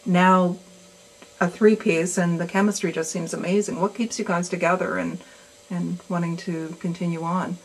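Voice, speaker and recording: A chatty woman interviewer asks a band about their history, sounding enthusiastic. Her voice is on the low side, with faint lounge noise in the background. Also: level tone, normal speed, low-quality recording. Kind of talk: interview hosting. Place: lounge bar.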